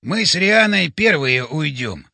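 A man voicing a gruff older father figure in an audiobook, calling out urgent orders. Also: fairly high pitch, big pitch swings, unhurried, pushed and bright, dry recording, heavily acted. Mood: abashed. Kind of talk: audiobook character voice.

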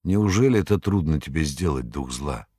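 A man reading an audiobook, voicing a grim, resentful male disciple in a low, hushed, sullen tone. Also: expressive, moderate pace, slightly rough, no room sound, studio quality, heavily acted. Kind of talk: audiobook character voice.

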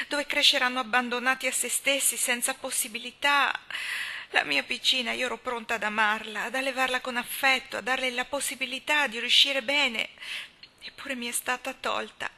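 A woman voicing a young mother who grieves her newborn and protests loudly in anguish. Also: a little high, normal speed.

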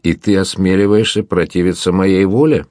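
A man's voice: low-pitched, fairly even intonation, normal speed, a little mellow, no echo, clean studio sound, lightly acted. A man voicing a proud, angry old nobleman who commands his daughter. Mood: angry commanding. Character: proud furious old Spanish nobleman father.

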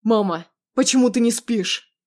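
Audiobook: woman reads a hot-tempered possessive young man, loud and insistent, medium pitch. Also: normal speed, close to an everyday voice. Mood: angry pleading. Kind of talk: audiobook dialogue reading.

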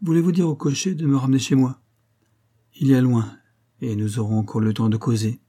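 A man's voice: mid-range voice, fairly even intonation, fairly quick, mellow, slightly rough, lightly acted. A man reading the part of a haughty young woman who speaks curtly and with disdain. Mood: composed. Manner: curt, disdainful. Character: haughty, cold young woman, curt and bored.

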